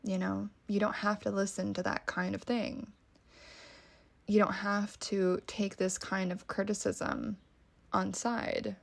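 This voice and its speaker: A woman's voice: mid-range voice, little pitch movement, takes it slowly, creaky. A woman with a Valley Girl accent, hosting a solo podcast in a casual, emphatic way, swearing freely and saying "like" a lot. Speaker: podcast host.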